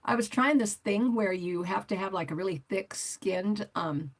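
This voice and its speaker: With a mid-range voice at a moderate pace, an older woman runs a casual motorcycle vlog livestream. She's talkative and wandering, picking up viewer comments, reading them aloud, and responding.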